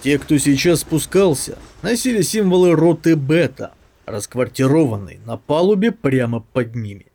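Expressive male audiobook narrator. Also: a little high, normal speed.

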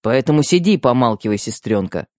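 A man's voice: mid-range voice, big pitch swings, fairly quick, a little mellow, no room sound, studio quality, lightly acted. A man playing a protective teenage younger brother who talks strictly and wearily in an audiobook. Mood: stern. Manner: strict, weary. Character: teenage boy, protective younger brother, stern but tired. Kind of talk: audiobook character voice.

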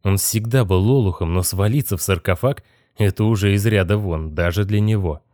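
A man narrating an audiobook in a measured, even storytelling manner. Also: fairly low pitch, no room sound, clean studio sound. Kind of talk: scripted narration.

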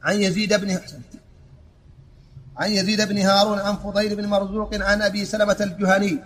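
High-voiced man reciting in a monotone. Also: fast talker. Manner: flat, even recitation with stumbles and restarts. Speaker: student reading the text aloud. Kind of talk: reciting a classical text in a lesson.

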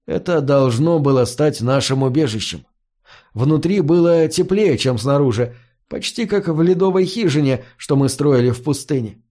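A man narrating a first-person fantasy audiobook in a measured, somber storytelling manner. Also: on the high side, lively intonation, mellow.

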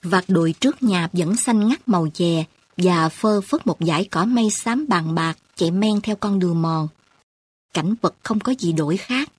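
A woman narrating a sorrowful novel and its poems in a slow, lyrical way. Her voice is husky and breathy. The recording is close and dry. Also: lowish voice, darkish tone, dry recording. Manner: slow, lyrical, emotional reading. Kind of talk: audiobook narration with poetry.

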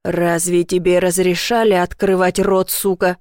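A woman's voice: on the low side, little pitch movement, unhurried, a little mellow, clear, resonant tone, no echo, clean studio sound. A woman voicing a brutal masked male kidnapper who barks crude orders. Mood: menacing. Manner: barking, crude.

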